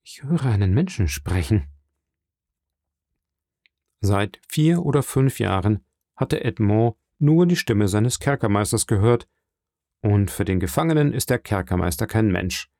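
A man reading a novel aloud in measured, even scripted narration. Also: on the low side, gravelly, dry recording, clean studio sound. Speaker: audiobook narrator.

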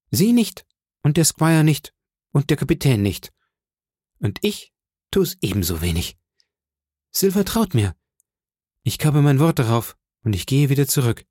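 A man's voice: medium pitch, a little mellow, no echo, studio quality. A man voicing an honest, frightened teenage cabin boy who pleads earnestly in an audiobook reading.

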